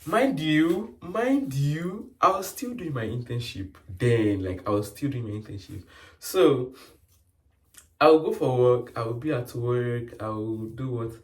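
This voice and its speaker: The voice is mid-range, unhurried and a little mellow: a young man with a Nigerian accent who works as a nurse and vlogs. He chats casually through a rambling story full of fillers, recorded from a distant mic with roomy sound.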